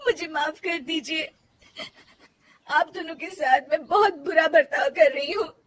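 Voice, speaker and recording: A woman voicing a tearful, angry young wife in a cartoon story, with a shrill, sobbing delivery. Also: moderate pace, sharp tone.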